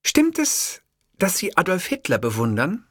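A man's voice: high voice, wildly swooping pitch, unhurried, no echo, clean studio sound, pitched above the performer's own voice, full character voice. A man voicing a young, impatient female journalist who asks curt, probing questions in an audiobook. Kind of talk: audiobook character voice.

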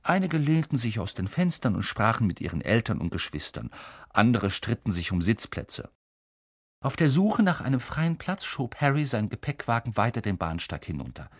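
A man's voice: medium pitch, big pitch swings, moderate pace, no echo, studio quality. A man reading a novel aloud in scripted narration, storytelling expressively. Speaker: audiobook reader.

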